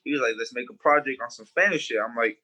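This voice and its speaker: A male musician guesting on a podcast talks loosely and rambles, swearing freely and restarting often. He has a mid-range, sharp voice and speaks fast.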